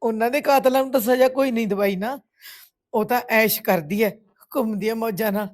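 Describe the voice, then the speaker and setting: A woman's voice: fairly high pitch, a little fast, close to an everyday voice. An actress with a Punjabi accent playing a grieving village woman who bitterly reproaches a family friend. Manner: reproachful, tearful accusations. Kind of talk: village web series drama.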